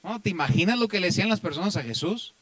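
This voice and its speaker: A Mexican pastor with a fairly high voice preaches a Bible study in a dry, close recording. He keeps calling his listeners brothers, rising to loud, forceful readings and then dropping into hushed asides. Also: animated, quick pace, dry recording. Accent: Mexican Spanish.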